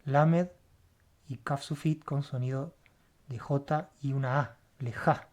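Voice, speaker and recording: Speaking slowly with a medium pitch, fairly even intonation and a darkish tone, a Hebrew teacher works word by word through a Bible language lesson. Letters are spelled out and sounds repeated, each step followed by a questioning "right?"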